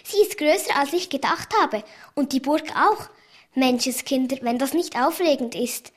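A woman reading the lines of an excited young boy adventurer in a children's storybook. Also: on the high side, moderate pace, lightly acted. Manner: eager, exclaiming.

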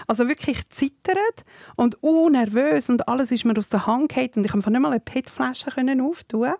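A woman in her thirties with a Swiss German accent, co-hosting a podcast and telling stories in a lively way with frequent laughs. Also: high voice, creaky, dry recording, studio quality. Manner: animated storytelling, quick to laugh. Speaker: podcast co-host. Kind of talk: casual chat.

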